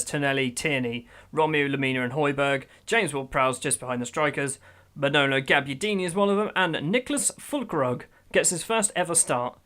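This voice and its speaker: A man giving let's-play commentary over a football management game, excitable, swinging from grumbling to loud outbursts. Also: on the high side. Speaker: gaming YouTuber.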